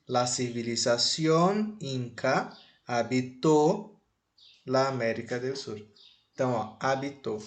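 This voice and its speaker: A man with a Brazilian Portuguese accent teaching from slides at a very unhurried pace. He speaks deliberately, repeats key words and holds a middle pitch. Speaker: Spanish teacher. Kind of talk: slide lesson.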